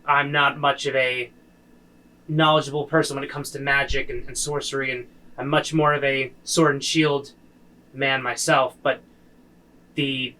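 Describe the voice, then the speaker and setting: A man's voice: mid-range voice, little pitch movement, normal speed, pushed and bright, close to an everyday voice, low-quality recording. A man voicing an earnest soldierly village leader.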